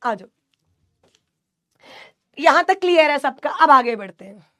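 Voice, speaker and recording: A woman's voice: high voice, expressive, brisk, pushed and bright, no room sound, studio quality. A woman teaching an online exam coaching class, reading students' chat questions aloud and answering with playful teasing.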